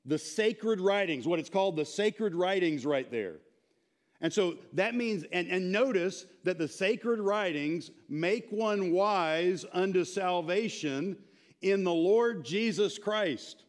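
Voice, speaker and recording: A man in his thirties teaching a church class in an animated, informal way, quizzing the group. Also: high-pitched, takes it slowly. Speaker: Bible teacher. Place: church sanctuary, speaking to a small audience.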